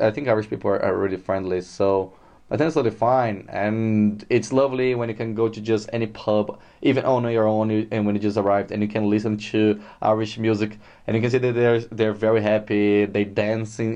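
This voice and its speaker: Low, mellow Brazilian man chatting. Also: normal speed, highs cut off. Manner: relaxed, chatty, many fillers. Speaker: guest. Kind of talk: casual interview. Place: Dublin.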